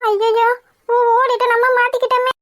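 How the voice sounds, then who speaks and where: A woman's voice: very high voice, flat delivery, normal speed, fairly bright tone, no room sound, clean studio sound. A woman voicing an anxious young woman in a cartoon, fretting and reassuring. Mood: worried. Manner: fretful, anxious. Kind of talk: Tamil cartoon voice acting.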